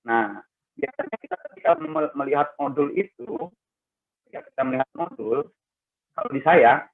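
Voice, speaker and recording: A man teaching an online exam-prep lecture, unhurried and full of hesitations, his voice crackling and breaking up with distortion. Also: fairly high pitch, huge pitch swings, creaky, narrow, tinny audio. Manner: unhurried, many hesitations and restarts. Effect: crackling, breaking-up distorted audio. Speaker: teacher trainer.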